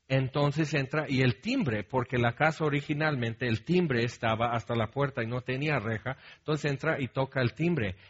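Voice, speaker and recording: A man's voice: mid-range voice, fairly bright tone, husky, dull audio. A man with a Mexican Spanish accent preaching a sermon in a conversational way, often checking in with the congregation and telling humorous stories with asides. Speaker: pastor.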